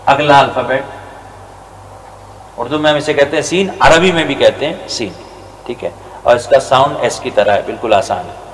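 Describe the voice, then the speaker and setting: A male religious scholar giving a Quran recitation lesson, slowly drawing out each Arabic letter. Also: mid-range voice. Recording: reverberant hall with faint noise.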